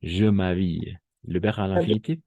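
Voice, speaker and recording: A man's voice: low voice, steady tone, moderate pace, vocal fry, dark tone, husky, no echo, lo-fi sound. A male French teacher giving a bilingual lesson, patiently repeating each phrase and often checking that the class understands.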